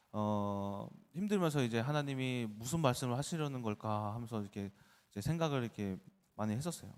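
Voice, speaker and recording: A man's voice: medium pitch, a little mellow, long reverb tail. A man in his thirties, a pastor, preaching an early-morning sermon in a conversational way, with personal stories and questions to the congregation. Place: church sanctuary.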